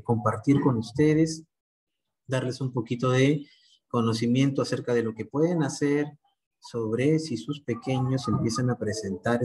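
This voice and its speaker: A man with a Peruvian Spanish accent speaks as a speech therapist addressing parents. He explains at an even, patient pace, softening his words with diminutives and pausing for rhetorical check-ins. His voice sits at an ordinary middle pitch for a man. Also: rough recording. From Peru. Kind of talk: informative talk to parents.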